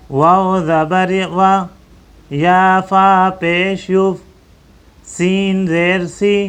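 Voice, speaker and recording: A man teaching a Quran tajweed lesson, spelling out letters slowly syllable by syllable and reciting, with quicker plain explanations between. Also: high-pitched, clean tone.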